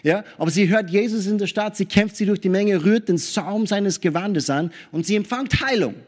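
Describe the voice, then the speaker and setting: High-voiced man preaching a sermon. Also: normal speed. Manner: animated preaching with frequent tag questions; punctuates with hallelujah and amen.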